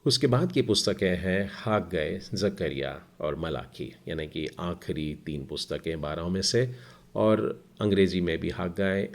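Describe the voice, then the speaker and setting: Deep-voiced man teacher going slow, spelling out each letter and vowel mark like a class lesson. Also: a little mellow. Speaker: Hebrew language teacher.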